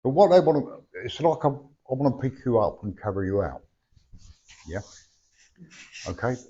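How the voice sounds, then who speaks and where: With a warm, sing-song, mid-range voice at a moderate pace, a man reads for a sitter as a medium at a live event. He's chatty and blunt and keeps checking in with "yeah?", while having no teeth leaves his words slightly slurred. The live recording is dull and lo-fi.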